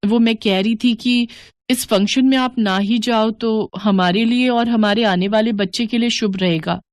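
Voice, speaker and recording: A woman's voice: mid-range voice, no echo, lightly acted. A woman voicing haughty, rich young daughters-in-law who talk down to their widowed mother-in-law in a scornful tone. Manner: scornful, condescending. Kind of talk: animated moral story voice acting.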